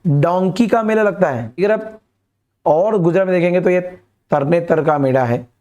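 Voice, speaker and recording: Male teacher, pitched high. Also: mellow. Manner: explains slowly and directly to students, mixing in English words. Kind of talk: animated classroom lesson.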